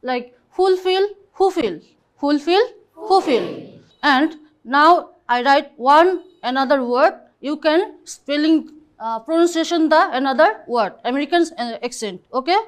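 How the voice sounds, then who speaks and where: A woman English teacher speaks very slowly in halting English. Her voice is high as she spells words out letter by letter in class.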